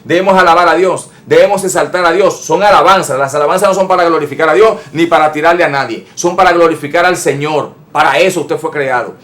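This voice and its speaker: A man's voice: a little high, fast, few pauses, fairly bright tone. A man pastor preaching an emphatic sermon, repeating phrases and speaking straight to his listeners as brothers. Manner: addresses listeners directly as brothers.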